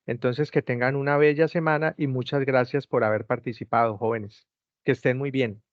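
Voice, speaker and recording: A man's voice: mid-range voice, fairly even intonation, moderate pace, no echo. A man tutoring an online class over a video call, patiently repeating step-by-step instructions. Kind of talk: guiding students through a video call. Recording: dull lo-fi call audio, dry.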